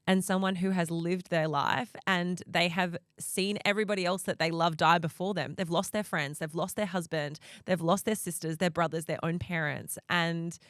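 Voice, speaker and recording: A woman with a low voice hosts a conversational podcast. She sounds thoughtful and lets her reflective questions wind along. The sound is dry, with hardly any room in it. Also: steady tone, moderate pace, few pauses, no room sound. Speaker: podcast host interviewing a guest.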